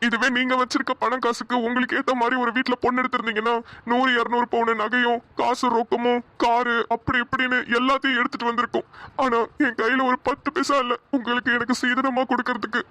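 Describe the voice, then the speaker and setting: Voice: medium pitch, little pitch movement, quick pace, sharp tone, no room sound, natural voice. A performer voicing a humble, grateful older father who speaks with earnest pleading in a cartoon. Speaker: bride's father. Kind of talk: cartoon voice acting.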